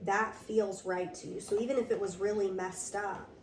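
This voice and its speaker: A young woman talks through a casual podcast conversation, her voice a touch hoarse and her thoughts earnest and reflective, full of little "like"s. She sits a little away from the mic in a roomy space that carries a clear echo. A faint hush of background noise sits under her voice. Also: mid-range voice, steady tone, moderate pace, far from the mic. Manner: reflective, earnest, frequent "like" fillers. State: slightly hoarse from a sore throat. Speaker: podcast co-host. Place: room with door open to rain.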